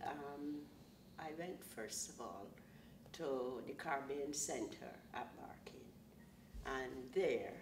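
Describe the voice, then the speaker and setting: A woman in her sixties from Barbados talks about her dancing in a deep, slow voice. She stops to think and search for words. The sound is distant and roomy, with a steady hiss underneath. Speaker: quadrille dancer. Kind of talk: interview answers. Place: small studio with plain backdrop.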